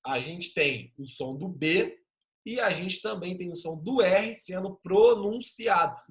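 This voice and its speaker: A man's voice: high-pitched, a little hiss or hum. A male teacher giving an online class over a video call, patiently sounding out letters and syllables. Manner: patient, drawn-out spelling of sounds.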